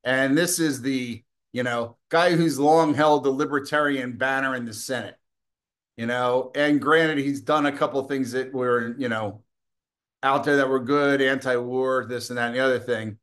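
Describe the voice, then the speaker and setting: A man's voice: mid-range voice, steady tone, normal speed, fairly bright tone. A middle-aged man hosting a political commentary show, delivering a combative, scornful and profane opinion monologue, with occasional coughing.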